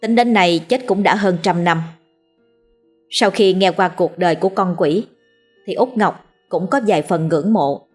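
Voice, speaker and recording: Woman, Southern Vietnamese accent, ghost-story narrator, lower voice. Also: moderate pace, faint music behind. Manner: steady storytelling.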